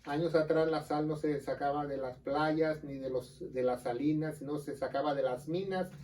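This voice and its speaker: Earnest pastor with a mellow Mexican accent. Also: male voice, a little high, steady tone, recorded from a distance, rough recording. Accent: Mexican Spanish. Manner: earnest, explains scripture, quick aside jokes. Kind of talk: casual teaching chat on a religious show.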